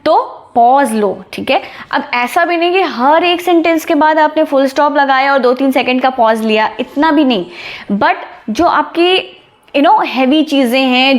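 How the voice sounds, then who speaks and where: A young woman with a high voice coaches viewers on public speaking in a relaxed, chatty teaching style. She talks with energy and keeps checking that her listeners are following. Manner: energetic, chatty, asks "ठीक है?" after each point. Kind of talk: casual teaching talk to camera.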